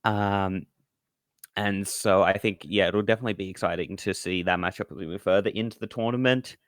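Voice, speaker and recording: A man co-casting an esports event, giving analysis in a halting way with many fillers. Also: low-pitched, fairly even intonation, dry recording, clean studio sound. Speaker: esports co-caster. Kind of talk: casual desk analysis.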